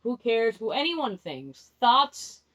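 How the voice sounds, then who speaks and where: A young woman whose first language is Spanish gives a rambling, candid tarot reading as a vlogger, often restarting sentences and laughing at herself. Her voice is a little high, very animated, slow, and fairly bright. The recording sounds dull and lo-fi.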